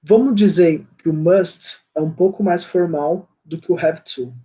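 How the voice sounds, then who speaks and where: A man with a Brazilian Portuguese accent teaching a basic English class, patiently reading English examples slowly and then translating them. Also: sits high, warm tone, slightly rough, highs cut off. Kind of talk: online English class explanation.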